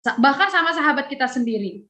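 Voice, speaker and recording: A woman, teaching a youth Bible lesson over a video call. She chats lively, laughs often and acts out dialogue. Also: high-pitched, quick pace.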